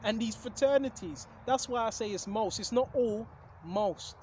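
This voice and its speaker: A man's voice: high-pitched, normal speed, a little mellow, a little hiss or hum. A man giving a rambling casual sermon to his video audience, full of rhetorical questions and repeated "right?", hiccuping now and then. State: has hiccups. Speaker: religious video host. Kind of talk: casual preaching monologue.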